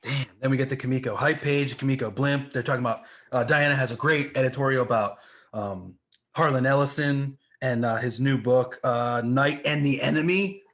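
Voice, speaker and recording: Man, podcast co-host, casual comic chat, animated, mid-pitched voice. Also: moderate pace. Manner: animated, acts out panels with sound effects. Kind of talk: casual comic book discussion.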